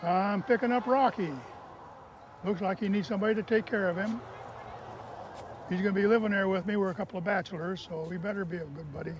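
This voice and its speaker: A man adopting a dog, talking to it slowly in a coaxing, folksy way. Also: sits high, fairly even intonation, slight background noise, low-quality recording.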